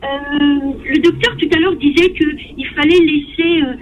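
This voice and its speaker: High-voiced woman calling from a car speakerphone. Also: steady tone, soft background music. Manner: halting, hesitant, candid. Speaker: radio call-in caller. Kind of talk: call-in on a radio talk show. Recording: dull phone line from a car speaker.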